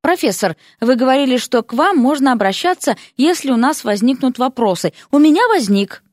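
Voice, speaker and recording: A woman voicing a bossy, impatient young female student who gives brisk orders. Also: high-pitched, expressive, darkish tone, no echo, clean studio sound, voice pushed up.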